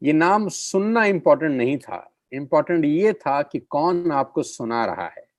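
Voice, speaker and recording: Pitching a business opportunity, this middle-aged network marketer persuades by repeating key phrases and addressing his listeners as friends. He speaks a little slowly and expressively in a voice on the high side, with no echo.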